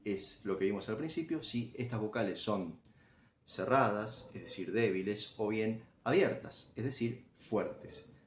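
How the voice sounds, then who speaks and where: Patient low-voiced male teacher. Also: lively intonation, measured pace, slight background noise. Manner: patient, step-by-step, checks understanding with "¿sí?". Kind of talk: grammar lesson explanation.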